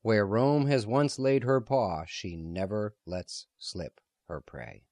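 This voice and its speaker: A man's voice: on the low side, a little mellow, no room sound. A man reading the part of a grave, cautious man who warns gloomily about war. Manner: grave, measured.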